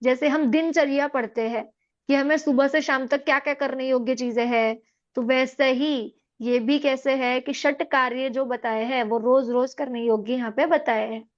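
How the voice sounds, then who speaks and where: A woman's voice: sits high, fairly even intonation, moderate pace. A woman teaching a scripture class, patiently explaining and checking in with her students. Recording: dull lo-fi audio.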